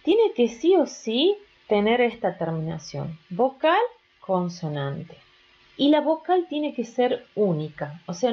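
Woman, teacher, slow and patient, lively up-and-down pitch, dull lo-fi recording. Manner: slow, patient explaining with rising questions to students. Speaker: English teacher. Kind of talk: recorded grammar lesson.

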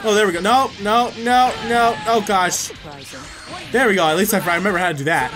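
Over background music, a man with a high voice talks briskly through his gameplay. He's a gaming creator whose commentary is casual, rambling and profane, full of repeated words and exclamations.

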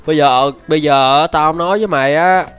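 A man's voice: on the high side, brisk, a bit bright, soft background music, natural voice. A young man voicing an angry old father who scolds and threatens over game voice chat. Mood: scolding. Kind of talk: prank voice chat during a mobile game.

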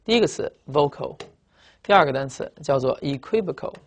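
A male English vocabulary teacher, lecturing at a brisk clip. He drills his students through word roots, spelling letters out and repeating terms in a lively way. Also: a little high. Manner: lively, drawn-out spelling and repetition, frequent "啊" tags. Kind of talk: classroom lecture. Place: classroom with blackboard.

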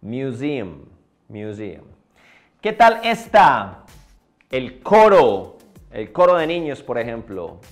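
A man teaching English pronunciation, repeating each word slowly in drills. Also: mid-range voice, very animated, faint music behind. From Colombia. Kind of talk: pronunciation lesson.

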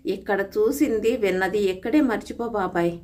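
Storybook figure: a timid young bride with a small, soft voice, read by a woman. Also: mid-range voice, moderate pace, lightly acted. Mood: gentle, pleading. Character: meek, gentle young bride from a poor home.

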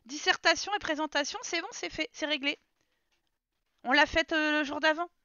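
A woman's voice: high-pitched, steady tone, moderate pace, bright, forceful tone, no echo, muffled recording. A woman streaming a life-sim game from home, chatting casually and talking to her game characters. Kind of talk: casual live gameplay commentary.

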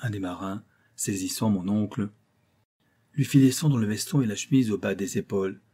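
A man narrating a literary audiobook in a measured, dramatic way. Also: fairly low pitch, mellow, breathy edge. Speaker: audiobook reader.

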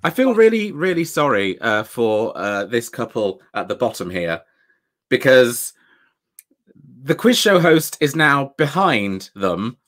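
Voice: very animated, slow, fairly bright tone. A streamer giving casual, sardonic and sweary reaction commentary on an old TV show, speaking into a desktop mic at home. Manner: sardonic and sweary, with big swings in pitch.

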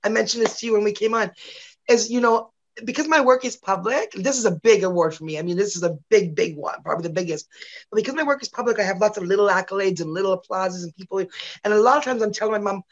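A woman's voice: medium pitch, fast talker. A woman in her fifties, a guest on a podcast, talking enthusiastically in a rambling way with many restarts. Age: 50s. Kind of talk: casual interview chat. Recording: dull lo-fi audio.

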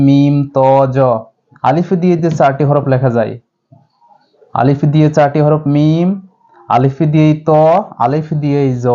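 A man teaching a step-by-step recitation lesson to viewers, drilling syllables slowly with much repetition. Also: fairly high pitch, dark tone, dull audio. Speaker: Quran reading teacher.

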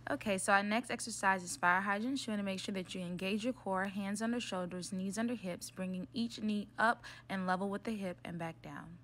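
A woman's voice: mid-range voice, a little fast, hardly any pauses, fairly bright tone, a little hiss or hum. A young adult woman coaching a workout as a fitness instructor, upbeat and encouraging, giving direct exercise cues.

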